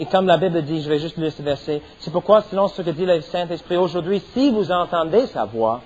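A middle-aged pastor delivers a sermon, building emphasis and dropping in amens. His voice sits high and sounds husky. The recording is dull and lo-fi. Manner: preaching with rising emphasis and repeated amens.

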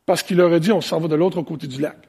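A man with a Quebec French accent preaching an animated, conversational sermon with plenty of asides. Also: on the high side, fast talker, slightly rough. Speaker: pastor. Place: church, preaching to online viewers.

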